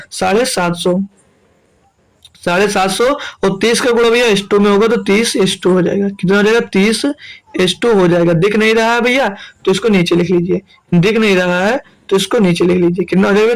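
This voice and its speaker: A young man from India teaching an exam-prep maths lesson, repeating steps and answering his own questions. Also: high voice.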